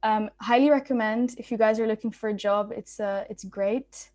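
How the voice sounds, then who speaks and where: A young woman from Belgium talks through a student presentation over a video call. Her voice sits a little high and her delivery is chatty and informal, full of ums and small restarts. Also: steady tone, normal speed, a little mellow. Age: young adult. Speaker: student speaker.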